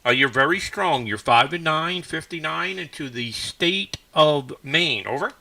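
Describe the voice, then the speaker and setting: A man's voice: on the high side, animated, a little slow, creaky, very noisy. A man working as an amateur radio operator, trading call signs and signal reports.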